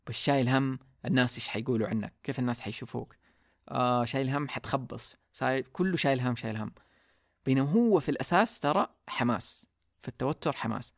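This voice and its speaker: A man's voice: mid-range voice, gravelly, no echo, studio quality. A man hosting a solo podcast, talking in a casual, reflective way and dropping in English words. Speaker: podcast host.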